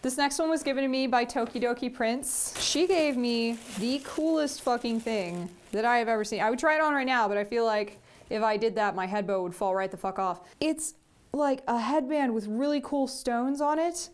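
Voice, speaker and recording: A young woman vlogger with a higher-pitched voice chats casually at a moderate pace while unboxing gifts from fans. She gushes and repeats herself, saying "sweet" again and again.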